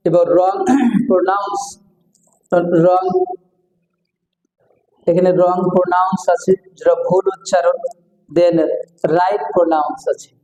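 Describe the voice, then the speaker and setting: A man teaching English pronunciation in a classroom, repeating each word slowly and pointing to the board. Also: high-pitched, mellow. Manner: slow, drawn-out, repeats each word many times. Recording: echoey room with long reverb.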